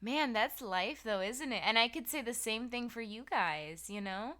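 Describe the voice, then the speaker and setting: A woman's voice: on the high side, animated, moderate pace, fairly bright tone. A woman streamer chatting casually and earnestly with her chat, full of filler words. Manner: talks straight to chat, filler-heavy, earnest.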